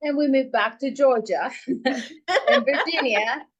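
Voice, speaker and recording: A woman from Peru chatting as a guest, soft-spoken and hesitant, with many fillers. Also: high-pitched, slow pace, slightly rough, dull audio. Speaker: guest, real estate agent. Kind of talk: casual chat.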